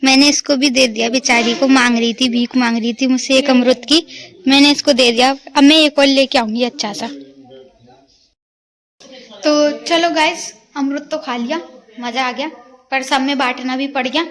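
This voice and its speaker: A woman's voice: high voice, fairly even intonation, normal speed, a bit bright. A young woman vlogging casually outdoors in her neighbourhood, chatting and teasing the kids around her as she films on a phone. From India. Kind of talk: casual family vlog chat.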